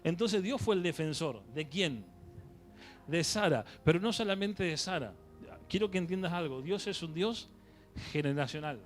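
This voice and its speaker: A man's voice: a little high, lively intonation, normal speed. Male preacher, Rioplatense accent, chatty sermon with call-and-response questions, faint music bed. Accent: Rioplatense Spanish. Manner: conversational, quizzes the congregation.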